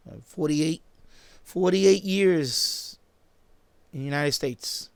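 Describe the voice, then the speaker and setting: Broadcasting live from his basement at home, this shortwave radio enthusiast is fifty, Puerto Rican by birth and Bronx-raised, with a New York accent. He talks on the high side and slowly, with vocal fry, in a dry recording. The chat is loose and rambling, and he keeps circling back to the same phrases.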